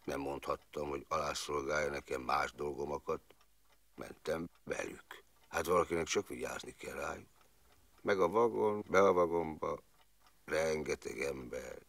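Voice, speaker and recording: Film monologue: a rueful former footballer, very deep, gravelly, rambling in a dry close sound. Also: male voice, fairly bright tone, dry recording, exaggerated voice. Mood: rueful recollection. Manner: rambling storyteller, clauses strung on fillers. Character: rueful, plain-spoken man recalling wartime years. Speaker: former footballer telling his past.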